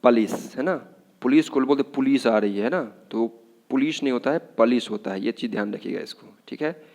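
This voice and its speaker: A Hindi-speaking man with an Indian accent teaches English pronunciation in a classroom-style lesson, his medium-pitched voice gravelly, darkish in tone and a little fast. He asks questions over and over, repeatedly saying "what should we say".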